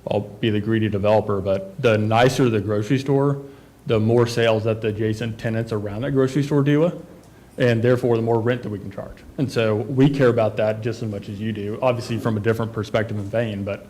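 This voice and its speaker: A man's voice: on the low side, steady tone, brisk, a little mellow. A man presenting as a developer at a town council meeting, talking casually with many fillers and restarts.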